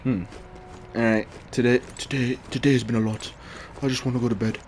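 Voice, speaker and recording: A man's voice: medium pitch, level tone, brisk, darkish tone, slight background noise. A young man casually commenting while he plays a video game, reading lines aloud and swearing and laughing at himself. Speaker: gaming streamer. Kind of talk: casual let's-play commentary.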